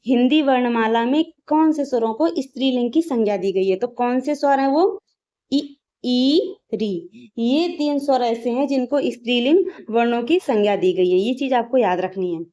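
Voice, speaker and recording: A woman teacher leads an exam-prep grammar lesson, drilling vowel sounds aloud and checking in with "ठीक है" after each point. Her voice sits a little high but sounds mellow and dark. The audio is slightly dull and lo-fi. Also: fairly quick, hardly any pauses. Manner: asks questions and answers them herself.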